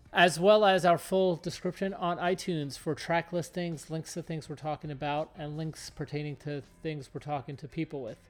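A man hosting a podcast, talking casually with lots of fillers as he introduces an interview and asks questions. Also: a little high. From Southern California. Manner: relaxed, filler-heavy rambling. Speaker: podcast host.

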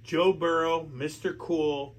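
A man's voice: a little high, fairly even intonation, slow pace, low-quality recording. An American man who has been drinking, hosting a casual sports chat, emphatic and repetitive, stumbling over his words. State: drunk. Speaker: sports talk show host. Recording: clear background noise.

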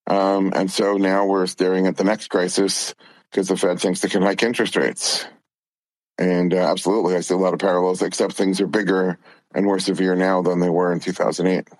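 A man's voice: sits low, flat delivery, fairly quick, dry recording, poor audio. A man speaking as an interview guest, explaining things conversationally. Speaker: interview guest, company founder and CEO.

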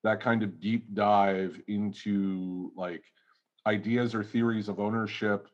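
Male podcast guest, low voice, hedging academic ramble, casual chat. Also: flat delivery, slow, highs cut off. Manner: rambling academic explaining, many hedges. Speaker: guest toy researcher.

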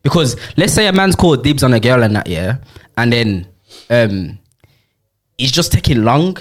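A man's voice: medium pitch, very animated, normal speed. A young man with a London roadman accent hosting a casual group chat in slangy street talk. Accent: London roadman, urban slang. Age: young adult. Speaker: host.

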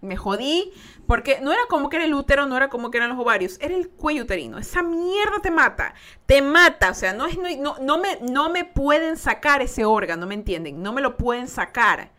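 A woman's voice: sits high, animated, fast, a bit bright. A young adult woman hosting a podcast, telling a personal story in a casual, emphatic and blunt way, swearing freely. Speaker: podcast host.

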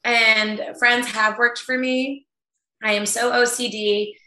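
Woman, interview guest, laid-back and chatty, bright tone, roomy video-call sound. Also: on the high side, flat delivery, slow. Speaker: guest, event planner. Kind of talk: casual interview chat. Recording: echoey room.

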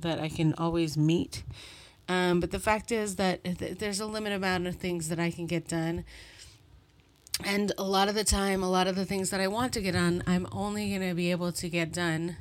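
A woman in her thirties from Montreal hosting her own podcast, talking alone in a chatty, rambling, self-deprecating way. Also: fairly low pitch. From Montreal, Canada. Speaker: podcast host. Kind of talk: solo podcast monologue. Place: bedroom at home.

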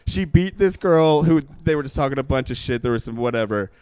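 A man's voice: medium pitch, expressive, brisk, darkish tone, clear, resonant tone, dry recording. A young man co-hosting a casual comedy podcast, rambling and joking, often trailing off mid-sentence and laughing. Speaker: podcast co-host.

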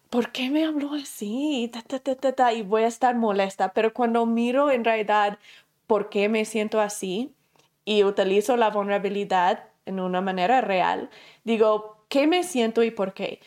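A woman's voice: medium pitch, a little mellow. A woman teaching a class, explaining by asking herself questions and acting out everyday examples, speaking conversationally with fillers and self-corrections. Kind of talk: spoken lesson to a class.

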